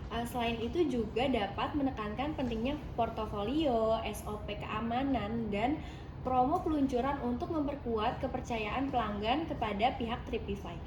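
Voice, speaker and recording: A young woman playing a marketing manager, giving formal, halting meeting feedback. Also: fairly high pitch, lightly acted. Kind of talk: role-played meeting feedback. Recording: echoey room, clear noise.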